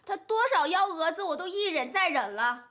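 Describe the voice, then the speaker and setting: Casting: a resentful young wife, high, bright and sharp. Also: female voice, lively intonation, normal speed, exaggerated voice. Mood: aggrieved. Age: young adult. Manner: aggrieved, complaining. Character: young new mother, aggrieved wife, tearful. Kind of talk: TV drama acting.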